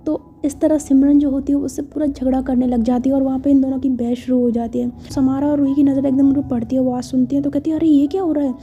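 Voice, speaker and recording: A woman narrates a love story in a chatty, casual retelling. Her voice is high and fast, with a mellow, warm tone, and faint music plays behind. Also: little pitch movement, dull audio. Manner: chatty, explains each gesture.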